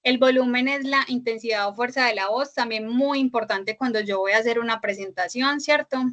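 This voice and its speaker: A woman's voice: fairly high pitch, fairly quick, a bit bright, muffled recording. A woman instructor giving an online class lecture, explaining step by step with many "eh" fillers and a questioning "¿cierto?" after her points.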